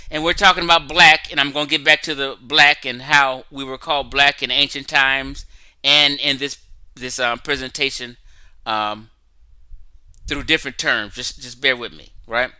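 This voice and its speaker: Steady in tone and moderate in pace, this mid-range male voice sounds pushed and bright, clear and resonant, though the audio is poor and echo-free. He's an online talk show host on a casual livestream who lectures emphatically, frequently reading from his screen and checking in with viewers through repeated "okay?" and "right?".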